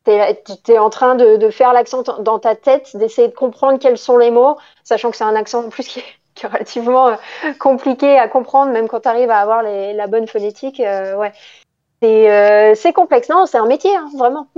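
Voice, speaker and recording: A woman co-hosts a laid-back book podcast, explaining things at length with lots of hesitation. Her voice is fairly high and dark in tone, moving at a moderate pace, with the highs cut off.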